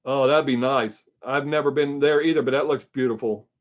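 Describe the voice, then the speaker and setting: A man's voice: medium pitch, steady tone, a little fast. Chatty, profane Southern-drawling man. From American South. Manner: rambling, chatty, frank and profane. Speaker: livestream host answering chat. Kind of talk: casual live stream chat.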